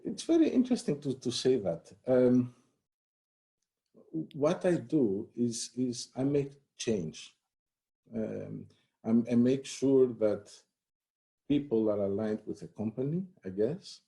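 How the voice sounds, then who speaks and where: A man from Greece who also grew up in the United States, an HR head answering interview questions in a relaxed, conversational way with many "you know" fillers. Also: medium pitch, slow pace, creaky. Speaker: head of human resources, interview guest. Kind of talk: live-streamed interview.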